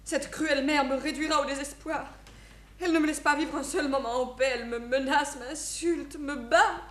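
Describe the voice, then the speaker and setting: An actress playing a lovesick, long-suffering young daughter in a classic French stage comedy, plaintive and theatrical. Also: female voice, high-pitched, fairly even intonation, normal speed, close to an everyday voice. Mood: despairing. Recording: echoey room.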